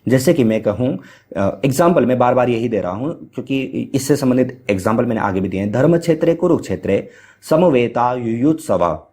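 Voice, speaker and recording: Brief: male teacher, mid-pitched voice, poses questions and answers them himself, explanatory lecture. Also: brisk, dark tone. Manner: explains with rhetorical questions and fillers; chants Sanskrit verse at varying speed. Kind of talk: Hindi grammar lecture.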